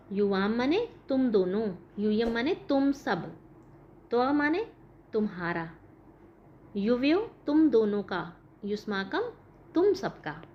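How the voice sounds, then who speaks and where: A woman teacher explaining a school lesson, asking questions and answering them herself. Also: fairly high pitch. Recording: dull lo-fi recording with faint noise.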